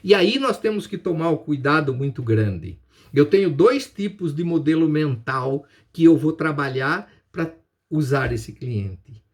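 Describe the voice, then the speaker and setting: A man's voice: fairly high pitch, lively intonation, a little slow. A man with a Brazilian Portuguese accent giving a business lecture, emphatic, asking and answering his own questions. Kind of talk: recorded lecture.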